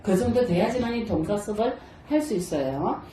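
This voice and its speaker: An older woman, a Buddhist nun and temple abbot, gives a lively dharma talk and keeps asking her listeners questions. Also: mid-range voice, normal speed, slight background noise. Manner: lively, asks the audience many rhetorical questions. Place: temple hall. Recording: roomy echo.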